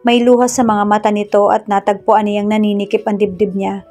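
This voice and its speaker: A woman storyteller reading a romance story aloud in a steady, dramatic way. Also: medium pitch, brisk, rough recording. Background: soft music.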